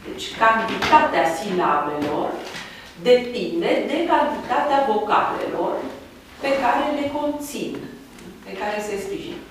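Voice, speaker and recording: A woman's voice: medium pitch, lively intonation, noisy background. A woman giving a university lecture on Latin, explaining patiently and posing questions she then answers herself. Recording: echoey hall from far off.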